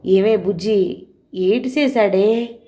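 A woman's voice: mid-range voice, steady tone, normal speed, dark tone, natural voice. A poor, worn-out middle-aged mother speaks anxiously and implores, played by a woman storyteller. This is an audio storybook role.

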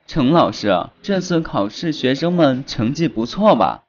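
A man voicing a stingy, stern school principal in an animated story, speaking in a curt, scolding way. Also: mid-range voice, measured pace, slight background noise. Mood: probing. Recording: dull lo-fi audio.

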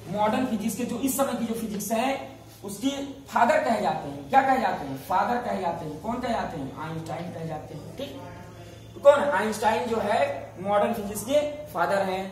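A man teaching a school science lesson in a classroom. He repeatedly asks questions and answers them himself, drilling each key term. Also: high voice. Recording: very echoey room, voice far off, faint hiss.

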